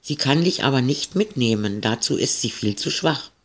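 A man's voice: a little high, expressive, takes it slowly, fairly bright tone, voice pushed up. A man voicing a stern but caring housemaid woman who scolds firmly. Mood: scolding. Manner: scolding, firm.

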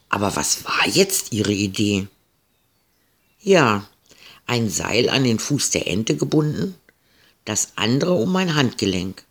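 A man telling a children's story in a slow, gentle storytelling manner. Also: medium pitch.

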